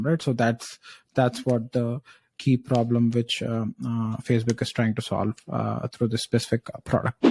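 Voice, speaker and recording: Man, job interview candidate, mellow tone, dry recording, hesitant, structured answers, frequent checking tags. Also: mid-range voice, no room sound.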